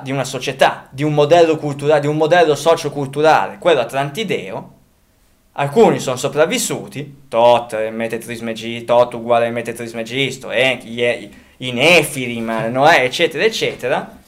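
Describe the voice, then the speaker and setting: A man co-hosting a casual podcast, speaking. He rambles in long chains of thought, restarting and correcting himself as he goes, at a middling pitch. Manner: rambling, restarts and self-corrections while thinking aloud. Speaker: podcast co-host.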